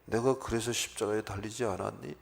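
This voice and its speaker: A gentle, reassuring divine voice, as a male pastor puts it on, consoling and steady. The voice stays gravelly and close to the preacher's own. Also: fairly low pitch, a little fast, pitched below the performer's own voice.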